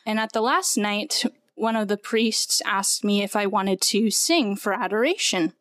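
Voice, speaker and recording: A woman's voice: medium pitch, unhurried, a bit bright, no room sound, studio quality. A young woman, a podcast guest, earnestly telling her personal story with many "like" fillers. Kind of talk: personal testimony in conversation.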